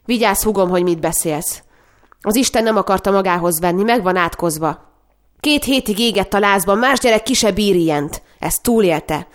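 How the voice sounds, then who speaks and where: A woman's voice: medium pitch, natural voice. A woman reading a bitter, blunt brother. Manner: harsh, curt.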